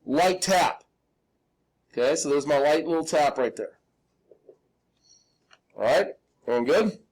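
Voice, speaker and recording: This male drafting teacher has a high, slightly raspy voice with a darkish tone. He demonstrates hand drawing live, step by step, in an informal, self-deprecating, instructional way, pausing often to ask "okay?"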